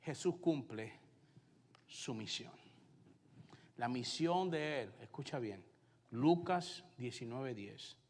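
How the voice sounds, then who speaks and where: A male pastor with a Puerto Rican Spanish accent preaching a sermon and telling his own story, alternating loud emphasis with hushed asides. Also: mid-range voice, lively intonation, takes it slowly, long pauses, big-room sound, slight background noise. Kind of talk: sermon with personal testimony. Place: church sanctuary.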